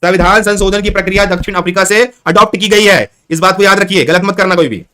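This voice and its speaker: A man's voice: sits high, fast, sharp tone, clear, resonant tone. A man teaching a live online exam-prep class, repeating questions and coaxing his students to answer. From Chhattisgarh, India.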